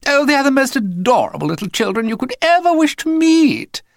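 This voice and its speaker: Brief: shrill posh storybook mother, airy and gushing, put on by a male narrator. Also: sing-song, a little fast, gravelly, dry recording, clean studio sound, exaggerated voice.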